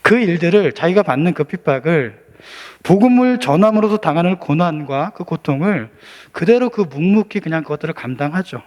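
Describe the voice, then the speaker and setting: A male pastor leading a prayer and preaching in a measured, pausing way that rises to earnest questions. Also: on the high side, animated, a little mellow. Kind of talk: sermon and prayer.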